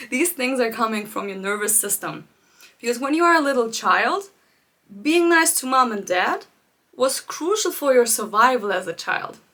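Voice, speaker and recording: A life coach hosting a live challenge leads a live-streamed coaching talk in a slightly high voice. Gentle and reflective, she speaks directly to her viewers, greets them by name, and laughs softly between points.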